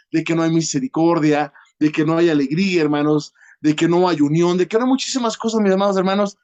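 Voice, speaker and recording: A man preaching a sermon as a guest preacher. He is earnest, constantly addresses the congregation directly, and leans on pauses and filler sounds. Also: fairly high pitch. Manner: peppers nearly every phrase with a direct address to the congregation.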